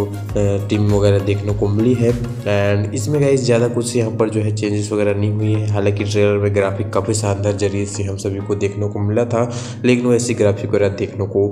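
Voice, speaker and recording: Mellow-voiced man narrating game update. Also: lowish voice, flat delivery, fairly quick. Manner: filler-heavy, repeats "guys" often. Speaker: gaming channel host. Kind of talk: game update review voice-over. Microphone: voice-over over screen recording. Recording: echoey room with faint background music.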